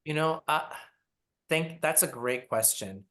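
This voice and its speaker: A middle-aged man from Taiwan, answering interview questions on a video call in a reflective way with many pauses. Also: on the high side, expressive, fairly bright tone. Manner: unhurried, reflective, with frequent pauses and fillers. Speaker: interview guest, ballet artistic director. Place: small apartment.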